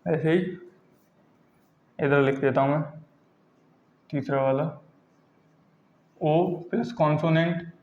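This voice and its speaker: Male grammar teacher, fairly high voice, drills examples by repetition, roomy classroom sound. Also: fairly even intonation. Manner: repeats examples slowly, asks and answers his own questions. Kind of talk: classroom lesson explaining pronunciation rules. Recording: echoey lo-fi classroom recording.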